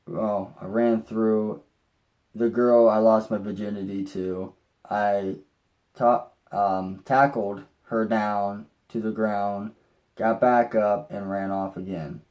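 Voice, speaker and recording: Slow-talking man with a dark voice. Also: on the low side, steady tone. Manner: rambling, with restarts and mild swearing. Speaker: vlogger. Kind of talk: casual personal storytelling.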